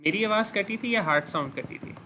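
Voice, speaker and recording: A man's voice: sits high, animated, fairly quick, very noisy. A man teaching a clinical lesson over a video call, explaining step by step, questioning his students and mixing in English phrases. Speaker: medical teacher.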